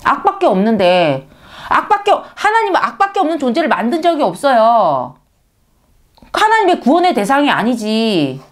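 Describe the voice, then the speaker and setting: Animated woman preaching conversationally. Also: moderate pace. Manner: conversational, asks listeners rhetorical questions; animated, pitch leaps for emphasis. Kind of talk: sermon.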